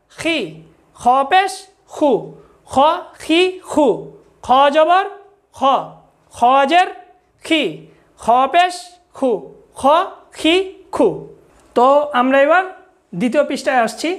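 A young woman teaching Quran reading, slowly sounding out Arabic letters and vowel marks for her students to repeat. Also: high voice. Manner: slow, syllable-by-syllable recitation and patient instruction.

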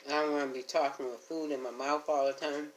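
A woman's voice: low voice, fairly even intonation, fairly quick, background noise. A middle-aged woman vlogging at home, chatting to her viewers in a rambling, homey way while she eats and hums between bites. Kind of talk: casual eating chat to camera.

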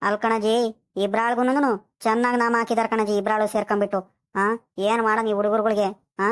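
A woman's voice: on the high side, flat delivery, fairly quick, close to an everyday voice. A woman voicing a suspicious, scolding village woman in a cartoon. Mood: angry. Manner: fussing, scolding. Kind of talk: cartoon voice acting.

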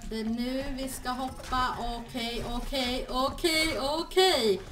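A young woman giving excitable let's-play commentary, shrieking and laughing, dropping English exclamations into her talk. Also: high-pitched, distant mic. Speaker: gaming streamer. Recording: echoey room with game music behind.

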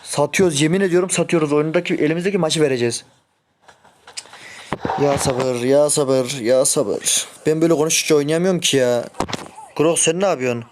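Over some background noise, a young man streams his gameplay in a fairly quick, steady, higher-pitched voice. Mishaps in the game leave him frustrated, and he grumbles, curses, and lets out sharp shouts.

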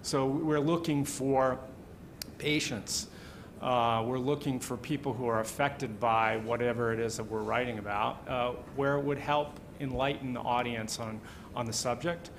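Measured middle-aged man panelist. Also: medium pitch, fairly even intonation, background noise. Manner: measured, explanatory, some hesitation. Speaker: panelist, radio news editor. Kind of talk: panel discussion remarks. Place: wood-panelled conference hall. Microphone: table microphone.

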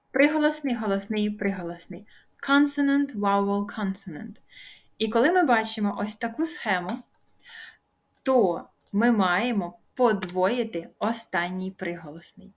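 A young woman teaching English grammar in a patient, encouraging way, drawing out the example words. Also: mid-range voice. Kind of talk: explaining grammar rules.

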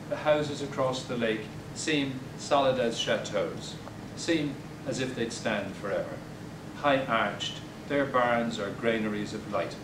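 In a bookstore, an older poet stands at a podium for a reading, mixing poems with spoken remarks and faltering hesitantly between them. A camera mic far from him captures the sound, leaving an echoey room and a low rumble in the background.

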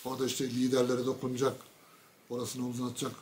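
A man giving a casual political monologue, mocking and ranting, with sudden loud bursts and low asides. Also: monotone, quick pace, slight background noise. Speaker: political commentator.

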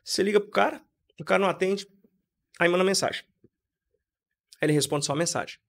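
A man on a podcast with a fairly high voice, making his points emphatically in casual chat. He is opinionated and keeps slipping into little acted-out bits of dialogue to show what he means. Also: quick pace, vocal fry, a bit bright. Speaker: podcast co-host.

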